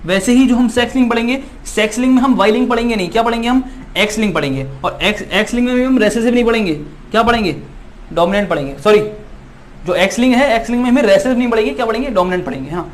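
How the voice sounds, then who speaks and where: A man's voice: very high-pitched, lively intonation, very fast. A male biology teacher giving an exam-prep lecture, repeating points and constantly checking that students follow, insistent and reassuring. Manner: repetitive, keeps asking "है ना" to check students follow; reassuring and insistent, promises results.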